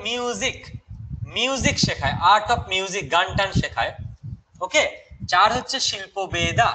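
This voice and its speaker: A man's voice: sits high, pushed and bright, low-quality recording. A young man with a Bengali accent teaching a live online exam-prep class, chatty and mixing in English terms while answering viewers' questions.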